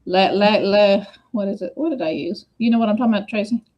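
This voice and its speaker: A woman hosts a relaxed livestream chat over a video call. She talks quickly and hops from point to point, circling back with chatty asides. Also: medium pitch, dull audio. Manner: fast, scattered, chatty with repeated asides.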